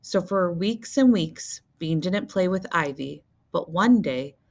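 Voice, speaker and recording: A woman with a low voice narrates a children's book. She reads like a teacher to young listeners, expressively, with deliberate emphasis on key words. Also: animated, creaky, a little mellow. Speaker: teacher reading aloud to children.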